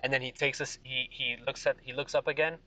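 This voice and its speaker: A man narrating a tabletop game as game master in a casual, halting way. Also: mid-range voice, flat delivery, sharp tone. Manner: casual, halting, many restarts. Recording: dull lo-fi sound.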